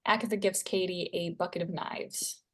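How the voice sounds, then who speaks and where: A woman with a slightly low, a bit bright voice serves as the stage directions reader at a screenplay table read, narrating scene headings and action. Her intonation is fairly even and her pace moderate.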